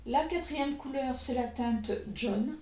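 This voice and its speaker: A woman walks through a makeup tutorial at an unhurried pace, pausing often and filling gaps with hesitations. Her voice sits a little high. The recording carries a noticeable echo from the room. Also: darkish tone. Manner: slow, hesitant, many pauses and fillers. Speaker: beauty vlogger. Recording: echoey room.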